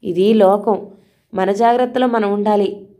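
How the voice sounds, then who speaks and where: A woman's voice: mid-range voice, fairly even intonation, a little slow, dark tone, natural voice. Woman voicing a caring elder brother. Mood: advising. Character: male hospital patient, caring elder brother.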